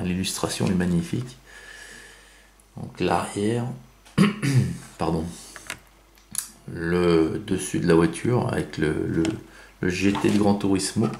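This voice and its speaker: A man talks through an unboxing of toy cars at an unhurried pace, stopping often with fillers and correcting himself. His voice sits low and has a gravelly edge. The room around him sounds echoey. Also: a little mellow, a little hiss or hum. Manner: slow, chatty, with many fillers and self-corrections. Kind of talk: casual unboxing commentary.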